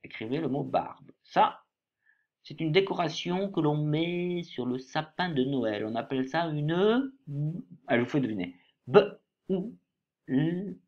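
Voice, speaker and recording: A man teaching a workbook lesson to young pupils, slowly spelling words letter by letter and stressing each syllable. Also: a little high, lively intonation, lo-fi sound.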